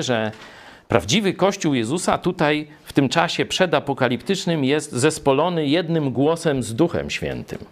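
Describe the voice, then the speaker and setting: A man preaching a sermon, expounding scripture and addressing his listeners directly, climbing high when he reads verses aloud.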